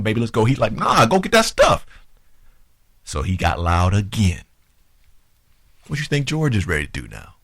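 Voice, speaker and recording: Lowish-voiced man giving dating advice. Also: dry recording, studio quality. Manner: animated, acts out both sides of an argument; informal, conversational, addresses the audience directly. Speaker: talk show host. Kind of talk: relationship advice monologue.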